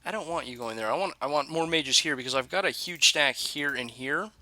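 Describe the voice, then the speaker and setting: Bright-voiced man rambling over gameplay. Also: on the high side, fairly quick, no room sound. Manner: rambling, self-correcting, thinks aloud. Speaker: let's play host. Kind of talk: casual gameplay commentary.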